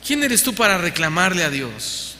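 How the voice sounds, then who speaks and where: A Mexican man preaching in a church hall, his high, strikingly bright voice ringing out with a long reverb. Faint noise hums behind him as he questions the congregation and mimics others in exaggerated tones. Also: sing-song, moderate pace. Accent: Mexican Spanish. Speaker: pastor. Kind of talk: sermon.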